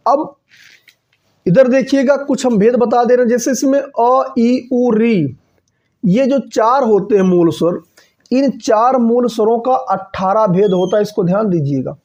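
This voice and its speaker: A man's voice: very high voice, a little slow, darkish tone. A man teaching an exam-prep grammar lesson who keeps checking in with his listeners and asks questions he then answers himself. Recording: dull lo-fi sound.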